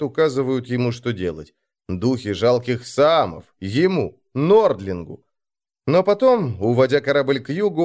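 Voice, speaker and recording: A man narrating an audiobook with dramatic, expressive delivery. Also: medium pitch. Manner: dramatic, varied intonation.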